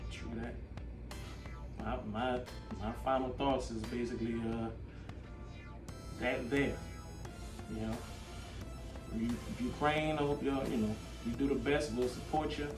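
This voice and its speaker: A man's voice: medium pitch, fairly even intonation, a little slow, pauses often. A man hosting a casual podcast chat and giving plainspoken, blunt opinions. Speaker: podcast host. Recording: roomy, distant mic, music behind.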